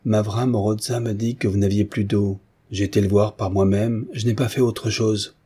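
A man voicing a dignified young widow, proud and defiant before an angry crowd, her voice steady and indignant. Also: lowish voice, moderate pace, husky. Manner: trembling with indignation, then steady.

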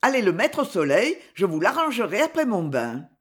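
A modest young swimmer giving calm, kind instructions, as a storyteller voices him. the voice is breathy and husky and moves lively through the lines. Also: mid-range voice, moderate pace. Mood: gentle.

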